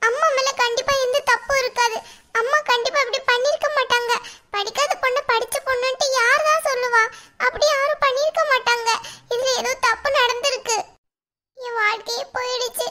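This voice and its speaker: A woman's voice: very high-pitched, pushed and bright. A woman voicing an anxious, tearful young married village woman in a cartoon, talking to herself in despair. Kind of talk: cartoon voice acting.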